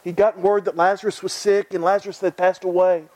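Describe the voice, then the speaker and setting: A man's voice: high voice, little pitch movement, fast, a little mellow, no echo, rough recording. A man preaching a sermon in an earnest way, repeating phrases and asking his listeners direct questions.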